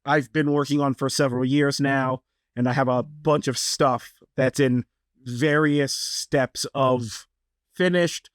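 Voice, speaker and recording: A podcast co-host with a mid-range voice chats casually, rambling with lots of fillers and restarts. The recording is clean studio sound with no room echo.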